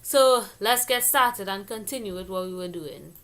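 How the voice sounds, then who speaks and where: A woman from Trinidad with a Caribbean Trinidadian accent, explaining things casually like a vlog host in a playful, jokey, expressive way. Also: medium pitch, moderate pace, a little hiss or hum.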